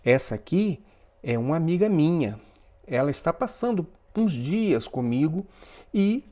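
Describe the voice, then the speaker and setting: A man's voice: fairly high pitch, big pitch swings, measured pace, dark tone. A man voicing a cheerful, chatty young woman trying to help her friend, in a read-aloud story.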